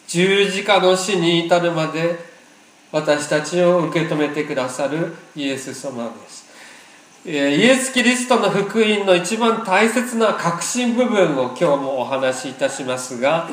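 A man preaching a sermon as pastor, earnest and emphatic, repeating phrases for weight. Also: high voice. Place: church hall. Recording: roomy echo.

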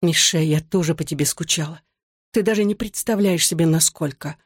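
A reader voicing the ghost of an older sister, speaking softly and hoarsely with pleading reproach, read as an audiobook. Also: medium pitch, fairly quick, no echo, studio quality, natural voice. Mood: tender. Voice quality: soft, hoarse. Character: anguished ghost of an older sister, bleeding and desperate. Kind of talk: audiobook reading.

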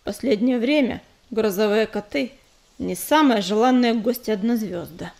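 Lady reader playing a calm low tomcat warrior, steady and even, storybook. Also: creaky. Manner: calm, measured. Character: young male warrior cat, calm and level-headed.

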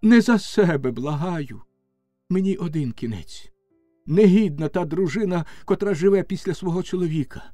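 A man's voice: sits high, lively intonation, moderate pace, mellow, no room sound, faint music behind, pitched above the performer's own voice. A man voicing a desperate young Cossack wife who pleads through tearful outcries. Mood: despairing.

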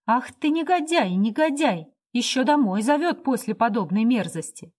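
A woman reading the part of a proud, hot-tempered young woman who speaks in shrill, agitated outbursts. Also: lively intonation, moderate pace. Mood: indignant.

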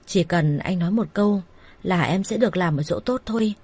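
A woman with a fairly low, husky, slightly mellow voice talks fairly quickly in the role of an older brother coaxing his little sister. It's an everyday, persuasive delivery, the brother playing the smooth-talking manager.

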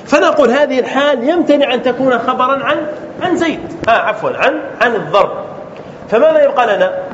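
A man with a high, lively voice teaching a grammar lesson, often pausing to ask his students whether it is clear. The recording sounds dull and lo-fi, with a faint hiss behind him. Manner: checks understanding often with repeated questions. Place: classroom.

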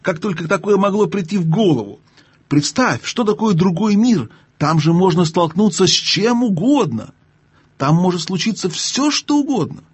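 A man voicing a pompous, cowardly old male sorcerer-scientist in a storybook reading, lecturing and haughty, with a husky voice. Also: medium pitch, animated, moderate pace, a little mellow, no room sound. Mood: outraged. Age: older.

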